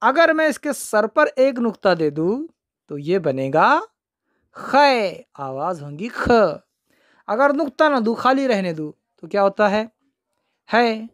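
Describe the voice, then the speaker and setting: Slow, patient male children's teacher. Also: sits high, a bit bright, no echo, clean studio sound. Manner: repeats each word, asks and answers own questions. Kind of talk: children's alphabet lesson.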